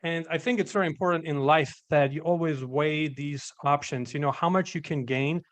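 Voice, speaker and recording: A man's voice: fairly high pitch, moderate pace, no room sound. Upbeat Austrian-born man telling his story. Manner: storytelling, upbeat, frequent "you know". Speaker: guest entrepreneur. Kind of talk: casual interview chat.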